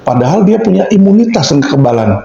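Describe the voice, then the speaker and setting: A man's voice: high-pitched, very animated, quick pace, vocal fry, warm tone. A middle-aged man, an advocate, talking emphatically and animatedly in an interview and acting out the voices of people he quotes. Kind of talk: impassioned interview talk. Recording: dull, echoey room sound.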